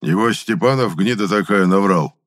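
Man doing a big angry hoarse peasant guy, growly and rough. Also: lowish voice, normal speed, close to an everyday voice. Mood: hostile, hoarse. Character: burly angry peasant man, rich villager.

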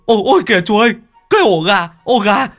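A man voicing terrified young male thugs who wail and beg in high, strained cries. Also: sing-song, fast talker, fairly bright tone, soft background music. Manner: wailing, pleading.

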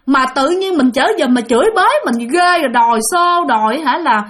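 A woman's voice: high voice, lively intonation, moderate pace, a bit bright. A woman with a Southern Vietnamese accent telling a ghost story in a chatty, casual way, often addressing her listeners directly.

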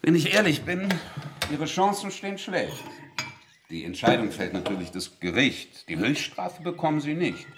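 In a German radio drama, a man plays a sly, polite investigator who speaks deliberately, with insinuating courtesy and quiet menace. His voice is on the high side and sing-song, and there is background noise.

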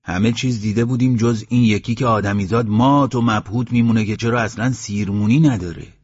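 A man's voice: fairly low pitch, a little mellow, slightly rough. A man voicing a worried male village headman who pleads and frets, on a dull lo-fi audiobook recording. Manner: anxious, pleading.

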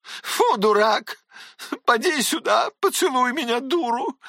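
A reader voicing a hot-tempered middle-aged woman in an audiobook, scolding and exclaiming in a raised, higher voice. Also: expressive, takes it slowly, pushed and bright, no room sound, studio quality, full character voice. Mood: tearful scolding.

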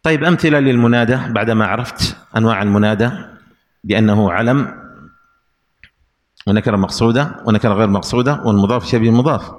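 Man teaching grammar in a hall. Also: on the low side. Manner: slow, deliberate dictation of grammar rules, repeating examples. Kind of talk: recorded grammar lesson.

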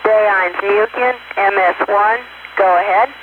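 A crew member aboard a spacecraft talking in clipped radio procedure over a breaking-up space radio link, repeating call signs. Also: male voice, high-pitched, steady tone, takes it slowly. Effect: breaking-up space radio from orbit. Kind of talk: mission radio communication. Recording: tinny radio link with static.

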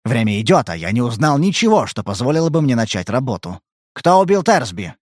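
A man reading an audiobook, voicing a gruff, irritable male detective who talks in a curt, blunt way. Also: mid-range voice, very animated, fairly quick, dry recording, studio quality, close to an everyday voice. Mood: brusque.

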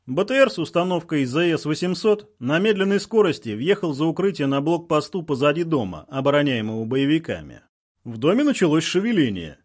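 A man reading a story aloud with lively, expressive narration. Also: fairly high pitch.

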